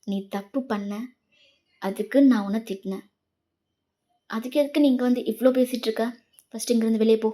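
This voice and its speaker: Cold male professor, scolding and clipped, in a soft, warm tone; a woman reads him. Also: fairly high pitch, fairly quick, pauses often, lightly acted.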